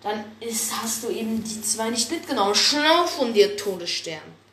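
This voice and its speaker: A woman voicing an aggressive, hot-tempered male warrior cat leader who shouts his lines, in a spoken story. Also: fairly high pitch, sing-song, moderate pace, echoey room, slight background noise. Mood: scornful.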